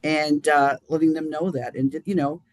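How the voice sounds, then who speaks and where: A man with a Boston accent, a guest in a live-stream interview, talking in a rambling, halting way with many fillers. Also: a little high, fairly even intonation, no echo.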